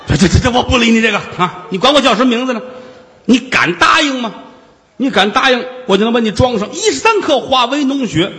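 A male storyteller voicing an indignant old Taoist immortal who shouts and blusters in a high voice. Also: animated, a little fast, exaggerated voice. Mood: blustering. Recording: long hall reverb.

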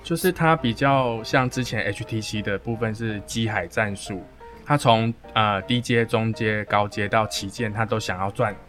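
A man's voice: fairly low pitch, normal speed, a bit bright. Taiwanese guy chatting on a podcast, bit mushy diction from braces, guitar music behind. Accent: Taiwanese Mandarin. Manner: slightly slurred articulation from wearing braces. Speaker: podcast co-host. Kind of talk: casual chat.

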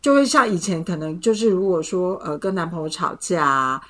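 A woman's voice: lowish voice, animated, fairly quick, fairly bright tone. A woman in casual podcast chat, telling a personal story and acting out what was said. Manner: storytelling, acts out quarrels.

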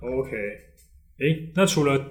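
A man's voice: medium pitch, slow. A man with a Taiwanese Mandarin accent hosting a casual podcast chat, telling stories with frequent restarts and fillers. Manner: hesitant storyteller, many restarts and fillers. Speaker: podcast host.

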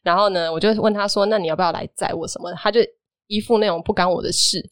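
Woman, podcast guest, quick animated storyteller, dry close mic. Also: medium pitch, no room sound. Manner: lively storytelling, animated retelling of dialogue. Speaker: guest telling a personal story. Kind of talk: casual podcast chat.

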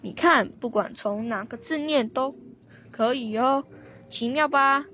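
A woman voicing a proud, boastful young male scholar in a children's storybook reading, slow and high. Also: bright, forceful tone, muffled recording, a little hiss or hum. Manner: boastful, showing off.

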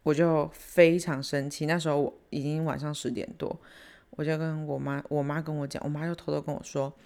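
A woman with a Taiwanese accent hosting a casual podcast, retelling a family story in an animated way and switching into Hokkien. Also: low voice, brisk. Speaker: podcast host.

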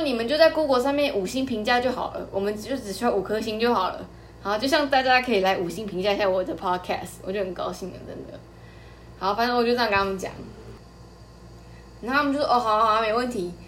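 A woman's voice: on the high side, quick pace, slight background noise. A young woman from Taiwan, hosting a podcast and chatting casually, telling a story and acting out the customers' lines. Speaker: podcast host.

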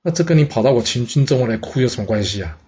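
A man doing a stern proud king, husky. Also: medium pitch, lively intonation, a little mellow. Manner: brisk, demanding. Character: proud male ruler, stern and suspicious. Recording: dull lo-fi audio.

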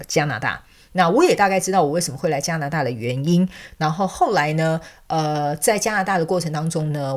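A woman with a voice tells a story to her viewers. Her voice sits fairly low and she talks quickly, chatty and animated, with lots of fillers and asides. She sounds like a counselor who reads angel cards. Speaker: angel card reader and counselor. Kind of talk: casual storytelling monologue.

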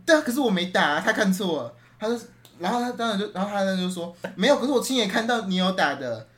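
A man's voice: high voice, lively intonation, fast, fairly bright tone. A young man telling a rambling school story in casual chat, restarting often and laughing as he talks.

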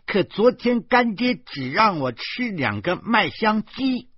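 Guy putting on a squeaky cheeky little girl, high and loud, husky, dull audio. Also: very animated, takes it slowly, no room sound, exaggerated voice. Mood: eager. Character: little girl, bold and stubborn.

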